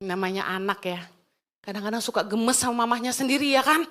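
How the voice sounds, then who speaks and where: A woman pastor preaching an animated sermon and telling stories about her family. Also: a little fast. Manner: animated, swings between loud and low. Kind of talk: lively sermon with anecdotes.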